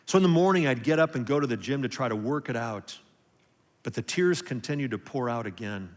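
A man preaching a sermon as pastor, earnest, swinging from emphatic peaks to quiet storytelling. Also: medium pitch, animated, brisk. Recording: long hall reverb.

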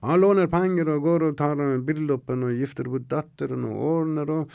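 A man from Iran with an Iranian accent, telling a folktale in an animated, dramatic way with shifting voices. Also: fairly high pitch, gravelly, no echo, studio quality. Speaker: storyteller. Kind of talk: oral folktale storytelling.

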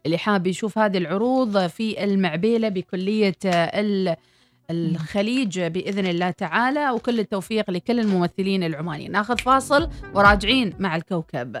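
A woman's voice: medium pitch, fast. A woman with an Omani accent presenting casually as a live radio host. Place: radio studio.

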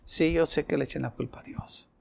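Male preacher, high pitched, fervent delivery, acts out quoted prayers. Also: fairly even intonation, fairly quick, gravelly. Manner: impassioned preaching, voicing prayers and quoted complaints. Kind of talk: sermon.

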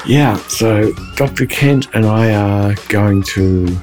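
A man co-hosting a podcast, with a somewhat low voice. He speaks steadily and keeps the conversation moving. Faint music plays behind him. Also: slow pace. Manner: steady, steers the conversation back on track. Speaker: podcast co-host. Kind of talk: casual interview chat.

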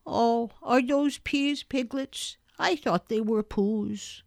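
A modest, earnest little male toy bear from a children's storybook, acted out by a woman. He speaks slowly and hesitantly, as if each idea takes a while to arrive. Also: a little high, no room sound, studio quality, pitched above the performer's own voice. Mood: puzzled. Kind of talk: children's storybook character reading.

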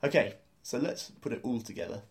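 A man's voice: medium pitch, brisk. A man hosting a language lesson, explaining step by step in an upbeat way and laughing easily. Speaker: language course host.

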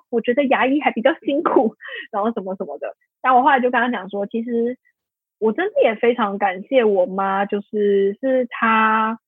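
Husky-voiced woman over a tinny line. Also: a little high, dry recording. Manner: rambling, many fillers and self-corrections, emotional. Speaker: podcast guest. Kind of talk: candid personal storytelling. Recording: tinny phone-like line, dry.

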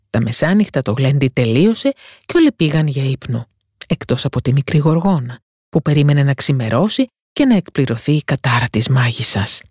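A woman narrating a fairy tale with lively, expressive reading. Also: rumbling low, breathy edge, no room sound, studio quality. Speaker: storyteller. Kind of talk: scripted storybook narration.

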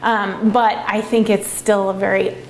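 A woman's voice: medium pitch, level tone, a little slow, slight background noise, rough recording. A woman giving casual, reflective answers in an interview, talking in a conversational way. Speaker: interviewee, winemaker.

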